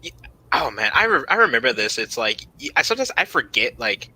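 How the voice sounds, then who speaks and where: A man's voice: mid-range voice, big pitch swings, a little fast, bright, forceful tone, low-quality recording. A man hosting a casual gaming podcast, rambling and restarting as he plays. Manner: rambling, restarts, laughs at himself. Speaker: podcast host playing the game. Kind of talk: casual chat while gaming.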